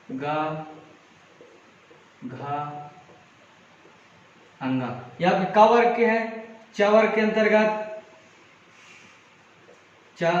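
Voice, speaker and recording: Slow, high-voiced man teaching in an echoey room. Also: slight background noise. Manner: slow, repetitive drilling with teacher's questions. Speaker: Hindi grammar teacher. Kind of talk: classroom lesson. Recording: echoey room, mic far, dull sound.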